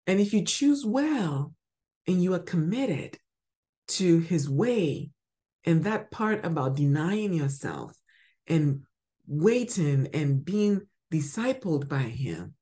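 This devotional teaching comes from a Ghanaian podcast host whose delivery is emphatic, veering from bright outbursts to soft murmuring. She speaks on the low side, takes it slowly, and lets her pitch swing widely.

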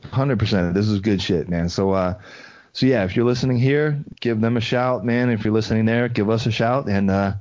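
A laid-back man in casual podcast chat, his voice sitting low. He keeps saying "man" as he talks, and the sound is close and dry with no room echo. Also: brisk, darkish tone. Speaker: podcast co-host.

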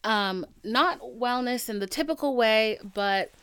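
A woman's voice: on the high side, a little slow, fairly bright tone, clean tone, dry recording, clean studio sound. A woman podcast host chatting casually and confessionally to listeners, candid, slangy and emphatic.

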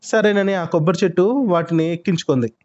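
A man telling a children's story, expressive and full of lively sound words. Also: high voice, a little fast. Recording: muffled lo-fi recording.

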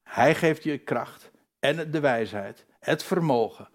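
A man's voice: fairly high pitch, lively intonation, takes it slowly. A man teaching from the Bible in a conversational way, hesitating and restarting, then rising to emphatic declarations. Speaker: preacher.

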